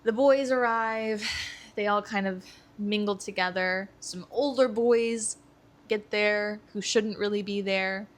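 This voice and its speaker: A woman's voice: mid-range voice, fairly even intonation, takes it slowly. Young woman on a book podcast, eager, keeps restarting her thoughts, mid voice. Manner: eager, thinks aloud with restarts. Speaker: podcast co-host. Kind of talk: casual book discussion.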